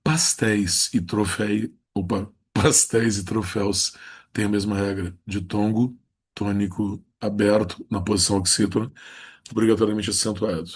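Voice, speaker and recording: A man with a fairly low, breathy-edged voice teaches Portuguese rules in a recorded lesson. He stretches each example word out slowly, then gives the rule in a flat tone.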